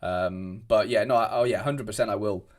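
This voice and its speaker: A young man from Wales sits at his home desk livestreaming, answering viewers in a casual, rambling way full of restarts. He speaks at a normal speed in a fairly low voice.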